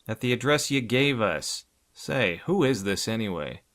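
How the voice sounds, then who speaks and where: A man's voice: lowish voice, moderate pace, fairly bright tone, natural voice. A man voicing an impatient male shipping clerk on the phone in an audiobook. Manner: curt, impatient. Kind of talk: audiobook character voice.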